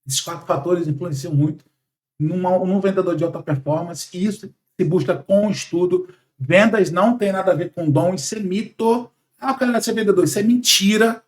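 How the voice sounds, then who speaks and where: A man in his forties from Brazil, a sales trainer talking in a podcast conversation, animated and emphatic, lecturing. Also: high-pitched, moderate pace, reverberant. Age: 40s.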